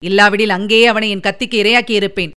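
A woman reading a Tamil story, voicing a young male warrior noble with hurried, earnest warnings. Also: mid-range voice, steady tone, pushed and bright, clean tone, pitched below the performer's own voice, lightly acted. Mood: urgent.

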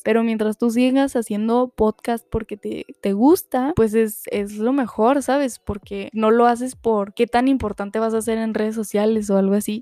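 A woman's voice: a little high, mellow, no echo. A young woman with a Mexican accent hosting a solo podcast, talking in a chatty, reflective way with many fillers. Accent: Mexican Spanish. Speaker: podcast host.

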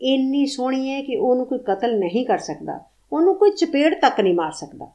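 A woman's voice: high-pitched, lively intonation, fairly quick, mellow, voice pushed up. Woman voicing a grief-crazed old mother, insistent. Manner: insistent, steely conviction.

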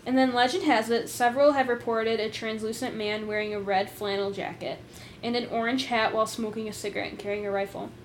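A woman's voice: on the high side, fairly quick, slight background noise. Giggly young woman podcast co-host. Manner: giggly, filler-heavy, animated. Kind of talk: casual chat about urban legends.

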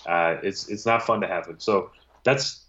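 A man's voice: low-pitched, normal speed, a bit bright. Sweary, griping man on slightly muffled audio. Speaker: guest fantasy football league member. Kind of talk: casual chat.

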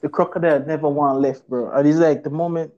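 Jamaican dude telling a wild story, swearing a lot, mellow low-toned voice, muffled audio. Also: male voice, quick pace. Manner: profane, animated patois storytelling with acted-out quotes. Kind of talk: casual storytelling chat.

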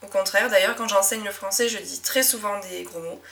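A young woman from southwest France with a Médoc accent, a French teacher talking reflectively in a casual monologue, with frequent fillers and soft laughs. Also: medium pitch, a little fast, creaky, recorded from a distance. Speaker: French teacher and podcast host.

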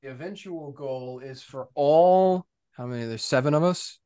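A man's voice: on the high side, normal speed, smooth, no echo. A young man co-hosting a gaming podcast in casual chat, easygoing and given to trailing off and repeating himself. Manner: relaxed, trails off and repeats words. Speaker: podcast co-host.

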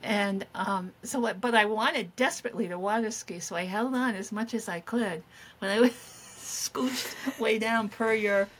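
A woman's voice: medium pitch, measured pace, a bit bright, slight background noise. A middle-aged woman co-hosting a podcast, telling meandering, self-deprecating stories in casual chat. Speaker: podcast co-host.

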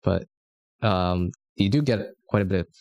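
A man's voice: sits low, normal speed, darkish tone, no room sound. A man co-hosting a podcast, chatting in an easygoing, enthusiastic way. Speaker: podcast co-host. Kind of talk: casual podcast chat.

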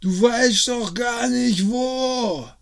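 A man's voice: fairly low pitch, flat delivery, drawn-out words, darkish tone. Man doing a flustered, clueless young man. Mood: shouting.

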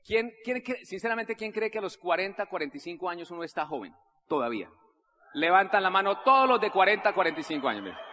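A Colombian man with a high voice holds a live audience in a large hall, where the sound lingers with a long reverb. He tells his story in an animated way, acting out each exchange and repeating phrases for effect. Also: fast talker. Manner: animated, acts out dialogue with repetitions. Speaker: motivational speaker.

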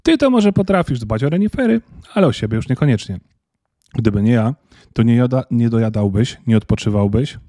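A man voicing a quick, bossy, caring young female elf in a storybook reading, with a brisk, fussing manner. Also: mid-range voice, animated, dark tone, no echo, studio quality, lightly acted. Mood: scolding.

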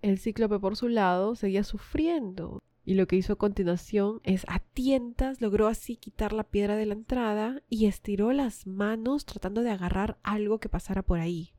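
A woman's voice: mid-range voice, normal speed, hardly any pauses, warm tone, dry recording, clean studio sound. A woman retelling a myth in a casual, chatty way, with asides to her listeners. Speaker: storyteller.

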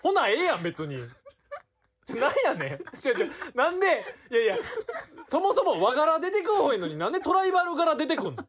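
A young man with a Kansai accent, co-hosting a comedy talk podcast and throwing back loud, exasperated retorts. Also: very high-pitched, wildly swooping pitch, quick pace. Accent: Kansai Japanese. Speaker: podcast co-host. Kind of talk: casual comedy banter.

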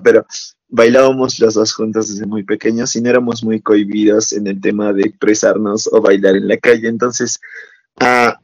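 Upbeat young Peruvian man with a gravelly voice. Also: mid-range voice, no echo, dull audio. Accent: Peruvian Spanish. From Peru. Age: 20s. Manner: enthusiastic, laughs often. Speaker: guest dancer. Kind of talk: casual interview chat.

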